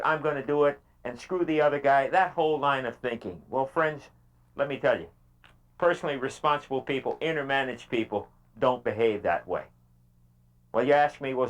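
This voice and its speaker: An older man giving a motivational keynote speech to a live audience, in an animated, emphatic, preacher-like way. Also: mid-range voice. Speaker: motivational speaker.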